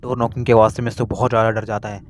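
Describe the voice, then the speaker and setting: Fast-talking man narrating a story. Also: on the low side, flat delivery. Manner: hurried, repetitive telling.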